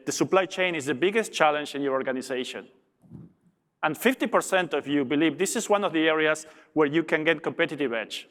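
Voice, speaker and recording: A man with an Argentine Spanish accent speaks in a slightly high, fairly bright voice. He's a logistics director giving an upbeat conference presentation with small restarts, and the large hall adds a long reverb.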